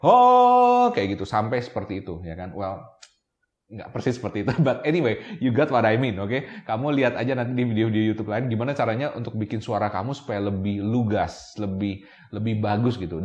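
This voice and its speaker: A man giving casual tips to camera as a YouTube presenter, chatty, often checking in with "ya kan?" and mixing in English words. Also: mid-range voice. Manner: mixes English words into his talk. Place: room with a camera operator. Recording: echoey room.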